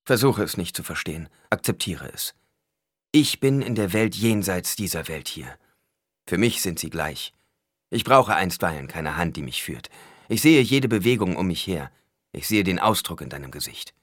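A man voicing a blinded young ruler, calm and commanding, speaking with measured authority in a deep voice that rises and falls widely. The storybook reading sounds dry and close. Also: dry recording.

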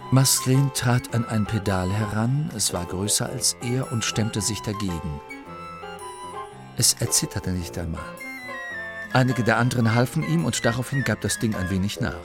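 A man reading an audiobook as narrator in a lively storytelling manner on a close studio mic. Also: lowish voice. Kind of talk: scripted narration.

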